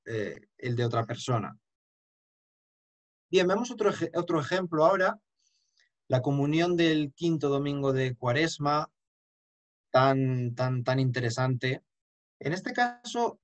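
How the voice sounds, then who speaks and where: Man, chant teacher, lecturing, emphatic, slow and deliberate. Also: on the high side. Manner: explanatory, emphatic, breaks into chant. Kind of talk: lecture with sung examples.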